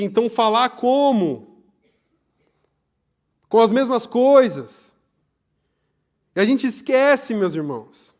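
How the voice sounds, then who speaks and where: A young Brazilian man preaching a live sermon in church, swinging between loud emphasis and hushed asides. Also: extremely high pitch. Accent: Brazilian Portuguese.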